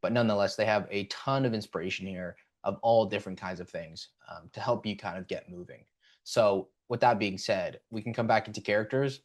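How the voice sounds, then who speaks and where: Relaxed low-voiced tutorial host man. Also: a little fast. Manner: relaxed, with frequent fillers. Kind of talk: casual screen-recording tutorial.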